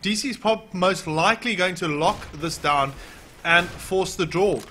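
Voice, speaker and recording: A man's voice: sits high, unhurried, pushed and bright, a little hiss or hum. A man with a South African accent casting a live esports match in a chatty, opinionated way. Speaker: esports caster.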